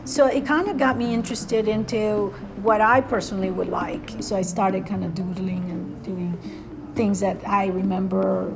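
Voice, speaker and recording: An Argentine woman who founded a cosmetics brand chats casually about her life and work, laughing easily. Her voice is medium-pitched with a creaky quality.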